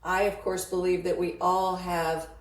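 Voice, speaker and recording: A woman's voice: on the low side, little pitch movement, unhurried. A woman co-hosting a casual podcast chat, talking loosely, laughing often and trailing off mid-thought. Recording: roomy, distant mic.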